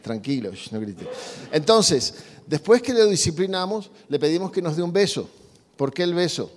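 A man's voice: sits high, moderate pace. A man preaching on parenting, talking to the congregation with many rhetorical questions. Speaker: pastor. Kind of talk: sermon on parenting. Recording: long reverb in a hall.

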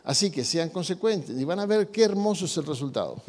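A man preaches in a conversational way, asking his listeners question after question. His voice sits a little high for a man. Long reverb from a large hall trails after his words. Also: lively intonation, a little fast, a little mellow. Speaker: pastor. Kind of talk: sermon on parenting.

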